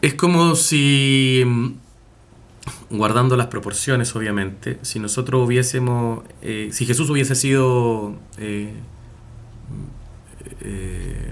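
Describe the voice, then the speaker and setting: A man giving a recorded university class, talking with many fillers, self-corrections and rhetorical tag questions. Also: medium pitch. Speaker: university lecturer. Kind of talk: recorded online class lecture.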